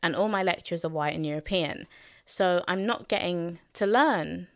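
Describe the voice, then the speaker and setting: A woman's voice: on the low side, moderate pace, no room sound, studio quality. Young woman, candid casual chat. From London, England. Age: young adult. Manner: thoughtful and candid, many fillers, laughs easily. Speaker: guest recalling her student years. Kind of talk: casual conversation.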